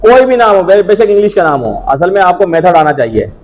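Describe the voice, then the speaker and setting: A man teaching Arabic grammar to a classroom, loudly and prompting students again and again to answer. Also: high voice, animated, fairly quick, rough recording. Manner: drills students with repeated questions and prompts; loud, projecting voice to a class.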